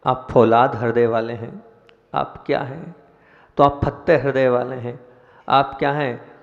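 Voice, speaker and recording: A man, a Jain monk, preaching a sermon in a slow, measured way and putting questions to his listeners. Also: medium pitch, flat delivery. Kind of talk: sermon with chanted invocation. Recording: dull, reverberant hall sound.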